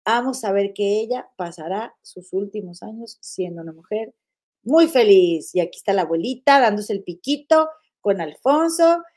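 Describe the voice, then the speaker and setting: A woman's voice: medium pitch, moderate pace. Chatty woman hosting a live stream. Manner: chatty, affectionate, uses many diminutives and "comadre"; frequent fillers and restarts, animated swings in loudness. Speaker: live-stream podcast host. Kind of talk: casual live chat reading viewer comments.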